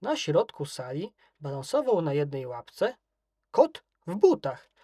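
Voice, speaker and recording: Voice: mid-range voice, sing-song, a little slow, dark tone, breathy edge, dry recording, clean studio sound. A narrator reading a children's story aloud.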